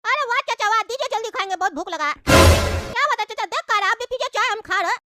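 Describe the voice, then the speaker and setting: A woman voicing a cheeky, stubborn young man who whines and argues in a petulant, shrill voice. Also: lively intonation, fast talker, loud music behind the voice. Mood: bratty. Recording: noisy home recording.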